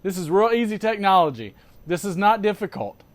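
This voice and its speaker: A man hosting a casual show, chatting as an animated storyteller with sarcastic asides, emphatic repetition and rhetorical questions. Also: sits high, brisk. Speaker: host of a pipe-smoking show. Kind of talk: casual chat.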